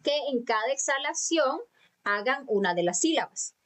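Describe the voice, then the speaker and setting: A woman teaching a live online lecture, speaking calmly and patiently to students and stretching out chanted syllables. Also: high voice. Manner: calm, patient instruction with drawn-out chanted syllables; speaks directly to students, many fillers and restarts. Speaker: spiritual teacher. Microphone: computer mic for video conference.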